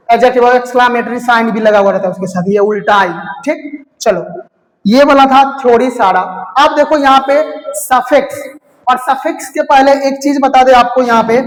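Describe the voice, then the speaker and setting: A grammar teacher, giving an exam-prep lesson and repeating each key term as a question and its answer. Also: mid-range voice. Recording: long hall reverb.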